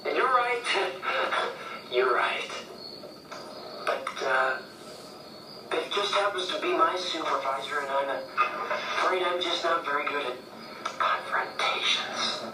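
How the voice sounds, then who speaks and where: A man's voice: a little high, animated, takes it slowly, pauses often, distant mic, over music. An actor playing a timid, stammering middle-aged father, heard from a film played on a TV across a room. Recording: film on a TV, roomy, caught from afar.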